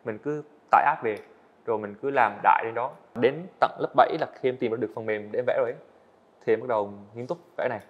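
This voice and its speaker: A fast-talking, earnest eighteen-year-old with a medium-pitched voice tells stories as a guest animator in a podcast interview. He is candid and restarts hesitantly, and the indoor studio recording sounds muffled, dull, and lo-fi.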